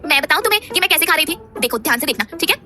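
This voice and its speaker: A woman voicing a feisty, outspoken young college girl with quick, teasing comebacks. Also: sits high, lively intonation, voice pushed up. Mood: sassy. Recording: background music under voice.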